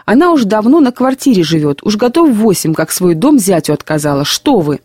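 A woman voicing an incredulous old woman street vendor with a shrill, thin voice and amazed exclamations. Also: sing-song, a little fast, darkish tone, slightly rough, dry recording, studio quality.

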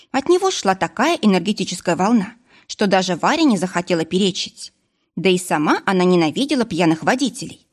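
An audiobook narrator, a woman with a medium-pitched voice, reads a novel aloud as scripted narration. Her storytelling is measured and even.

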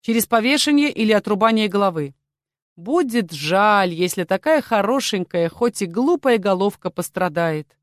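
A woman voicing a male castle guard chief who speaks quietly and confidently, with a cold edge. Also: medium pitch, animated, normal speed, no echo, studio quality, lightly acted. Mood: soothing. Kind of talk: audiobook character voice.

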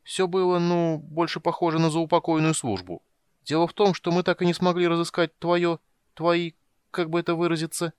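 A man voicing a small, curious, excitable kender who tells stories eagerly and breathlessly. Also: a little high, moderate pace, clear, resonant tone, no echo, voice pushed up, natural voice. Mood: flustered.

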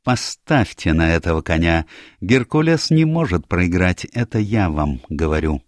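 A man's voice: low voice, animated, a little slow, no echo, studio quality. A man voicing a commanding, self-assured older detective in a read-aloud story, precise in manner. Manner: authoritative, precise.

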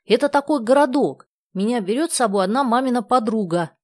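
A woman voicing an eager, excitable young girl in a storybook reading, pleading and quick to beg. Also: on the high side, dry recording, studio quality, pitched above the performer's own voice.

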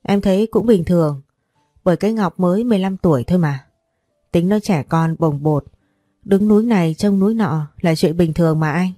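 A woman voicing a scheming sister who coaxes and persuades in a soft, even way. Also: fairly low pitch, moderate pace, no room sound, studio quality, faint music behind, natural voice.

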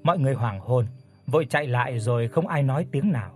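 A man narrating a ghost story as an audiobook, in a steady storytelling voice. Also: mid-range voice, fast talker, faint music behind.

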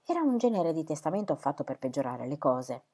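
A woman reading the part of a fussy, rambling older gentleman in an audiobook. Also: low-pitched, very animated, fairly quick, slightly rough, heavily acted. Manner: rambling, keeps adding "you know".

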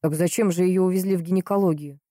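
A woman voicing a flustered young man who talks in a hurried, puzzled way. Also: on the low side, steady tone, warm tone, no echo, clean studio sound, close to an everyday voice.

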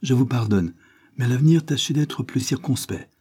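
Casting: vain, mincing young coquette, high and prim, put on by a husky male reader. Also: expressive, normal speed, darkish tone. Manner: mincing, affected. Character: vain, prudish young woman, affected coquette.

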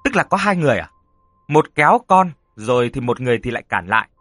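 A man's voice: medium pitch, sing-song, quick pace, a bit bright, dry recording, faint music behind. A man voicing a stern older rural uncle who deals with spirits, grave and commanding.

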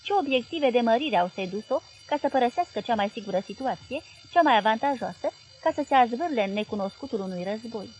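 A woman narrating a literary audiobook in a measured, clear reading style. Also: a little high, lively intonation, soft background music.

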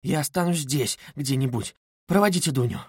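Man doing a frightened pleading mother, raised pitch, dry close sound. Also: fairly quick, darkish tone, breathy edge, no echo. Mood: desperate. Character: anxious middle-aged mother, pleading, tearful. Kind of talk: audiobook character reading.

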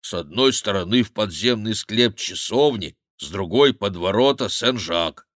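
A man voicing a fat, cowardly male monk who wails and pleads loudly, in a high, drawn-out voice in an audiobook. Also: expressive, dry recording, studio quality. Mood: pleading. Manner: wailing, pleading, loud lamenting.

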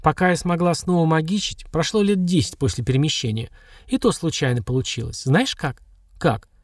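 A woman's voice: sits low, lively intonation, fairly quick, dry recording, pitched above the performer's own voice. A male reader voicing an old village witch woman who heals, knowing and grumbling, with a dry chuckle. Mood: confiding. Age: older.

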